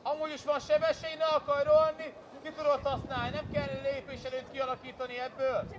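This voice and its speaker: A man coaching a youth football team, shouting urgent instructions and corrections from the sideline of an outdoor pitch. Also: level tone. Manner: loud, instructive, urgent commands. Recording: noisy outdoor pitch recording.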